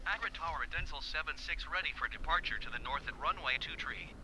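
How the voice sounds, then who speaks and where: A man's voice: a little high, animated, fast, noisy background. A man voicing a pilot on the cockpit radio, reading back calls in clipped radio phrasing. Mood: calm. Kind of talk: flight simulator radio voice.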